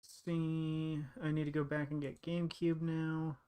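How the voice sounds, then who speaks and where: A man's voice: a little high, completely flat delivery, takes it slowly, warm tone, smooth. A young man chatting casually on a live stream, thinking aloud and rambling with lots of fillers.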